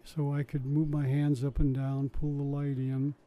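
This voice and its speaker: Over dull audio, a medium-pitched man speaks in a monotone at a moderate pace. He is an older interviewee casually telling oral-history stories about his science shows, wry and chatty, restarting often.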